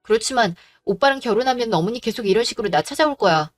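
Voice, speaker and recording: A young bride-to-be speaks firmly and with frustration in a fairly high voice, as a woman acts her out. She sounds worn down but resolute. Faint music runs behind the audio drama. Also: lively intonation, quick pace. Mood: frustrated. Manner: frustrated, firm. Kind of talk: Korean audio drama acting.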